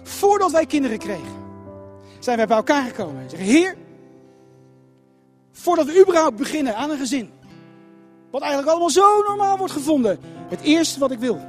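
A man preaching a sermon, emphatic and dramatic, dropping to a hush and then building up loud. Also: very high voice, sing-song, fairly quick, long pauses, soft background music. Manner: emphatic, dramatic swings between hushed and loud.

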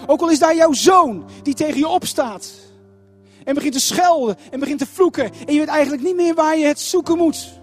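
Male preacher, very high pitch, dramatic sermon delivery, faint music bed. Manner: emphatic, dramatic swings between hushed and loud.

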